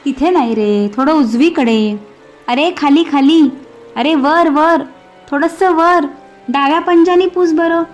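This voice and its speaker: Woman playing a crow, male, cheeky, clever, teasing, high-pitched, cartoon story. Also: slow, faint music behind. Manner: teasing, playful.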